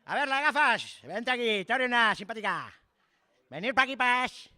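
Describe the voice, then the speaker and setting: A comedian playing a cheeky, rambling Basque villager who speaks Spanish with a Basque accent, drops in Basque words and tags nearly every phrase with "eh?". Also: male voice, very high voice, sing-song, normal speed, bright, forceful tone, no room sound, studio quality, full character voice. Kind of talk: comic character monologue.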